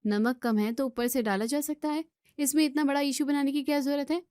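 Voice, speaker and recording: A woman's voice: high voice, steady tone, brisk, darkish tone, no echo, clean studio sound, pitched above the performer's own voice, natural voice. A woman voicing Kirti, a caring young woman from the city, who talks earnestly and pleads in a cartoon story.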